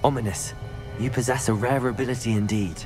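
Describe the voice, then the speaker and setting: An actor playing an earnest, determined young wizard student in video game dialogue. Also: male voice, medium pitch, steady tone, brisk, natural voice. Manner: earnest, persuasive. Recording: game audio with faint music.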